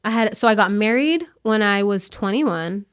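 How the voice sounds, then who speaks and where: A woman's voice: medium pitch, moderate pace, clean tone. A woman in her thirties from the United States, a real estate wholesaler, talking casually as an interview guest with plenty of fillers. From United States, raised in Las Vegas. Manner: chatty, relaxed, lots of "like" and "um".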